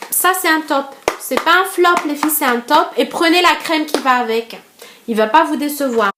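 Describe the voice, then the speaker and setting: High-voiced chatty young woman vlogger. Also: fairly bright tone. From Madagascar. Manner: chatty, many fillers and restarts, addresses viewers as girls. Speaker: beauty vlogger. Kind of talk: casual product review vlog.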